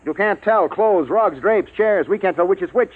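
A man's voice: high-pitched, moderate pace, husky. An actor playing an urgent male major who leads a station through a crisis, in 1950s radio drama style on a tinny old broadcast. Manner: urgent, explanatory. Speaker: base officer and scientist.

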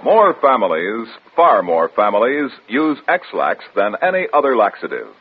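Male announcer, chipper 1950s ad read, lively swings, muffled old-radio sound. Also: fairly low pitch, measured pace, slight background noise. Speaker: commercial announcer. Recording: muffled vintage radio broadcast.

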